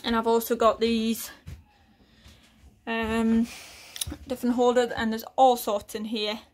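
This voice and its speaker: This unhurried, fairly high-pitched British woman is a woodworking vlogger showing viewers around her small shed workshop. Holding a phone as she films, she casually lists her tools in a relaxed way, filling gaps with lots of fillers.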